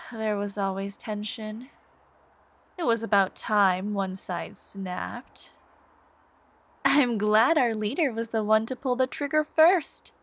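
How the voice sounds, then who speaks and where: In a scripted ASMR roleplay, a woman with a medium-pitched voice plays an obsessive, devoted, soft-spoken supervillain. She is slow, intimate and menacing, with breathy sighs and phrases that trail off into whispers.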